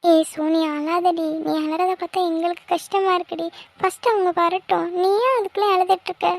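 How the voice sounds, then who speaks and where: A woman's voice: very high-pitched, little pitch movement, fairly quick, creaky, no room sound. A woman voicing a caring young female college friend in a cartoon, scolding and comforting in turns. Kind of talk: cartoon voice acting.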